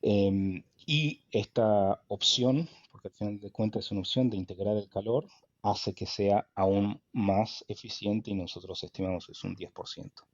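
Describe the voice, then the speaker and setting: Argentine man, low dull voice. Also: no room sound. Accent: Argentine Spanish. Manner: measured, hesitant, with many fillers. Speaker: guest engineer. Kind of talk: technical interview answers.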